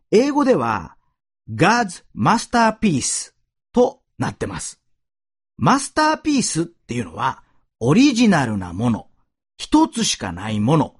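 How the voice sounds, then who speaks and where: A man preaching a sermon in an earnest voice that slows down for emphasis. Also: fairly high pitch, slightly rough. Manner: earnest, slow emphatic delivery. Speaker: pastor.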